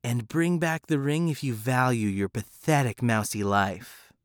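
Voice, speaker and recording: A man's voice: mid-range voice, measured pace, smooth, dry recording, close to an everyday voice. Snarly mean kitty cat, man putting it on, whiny and scheming, dry close sound. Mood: menacing. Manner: whining and snarling. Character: hungry scheming female cat, cruel.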